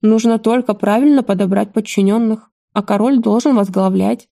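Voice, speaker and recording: A woman's voice: medium pitch, steady tone, normal speed, creaky, mellow, no room sound, studio quality. A woman voicing a commanding royal mother who frets and wails easily. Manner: commanding, then alarmed and wailing. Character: stern royal mother, anxious and fussy.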